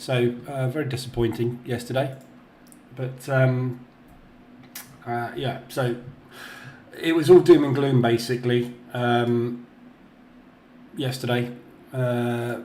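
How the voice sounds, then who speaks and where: A man hosting a casual morning trading stream from a bare, just-painted office, his voice echoing like a cave and often broken by throat-clearing. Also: mid-range voice, a little mellow, slight background noise. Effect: cave-like echo from an empty room. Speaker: trading livestream host. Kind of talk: casual morning market chat. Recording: echoey bare room, faint ambience.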